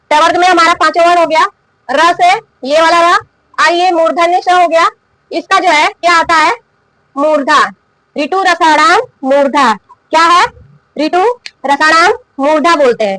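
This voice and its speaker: A woman's voice: extremely high pitch, pushed and bright, no room sound, poor audio. A woman teaching a grammar lesson, asking questions aloud and answering them herself, repeating key terms. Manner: coughs now and then. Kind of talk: classroom lesson explaining and drilling.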